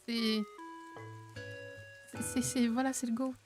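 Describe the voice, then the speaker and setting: Chatty, higher-voiced woman streaming a game. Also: slow. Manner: chatty and expressive, mocking other characters in exaggerated high tones. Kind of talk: casual let's-play commentary, reading game dialogue aloud. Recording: faint game music underneath.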